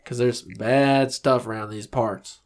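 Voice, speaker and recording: A man's voice: mid-range voice, measured pace. A man co-hosting a comedy podcast in casual, jokey chat, acting out little scenes as he talks. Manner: animated, jokey, acts out scenes. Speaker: podcast co-host.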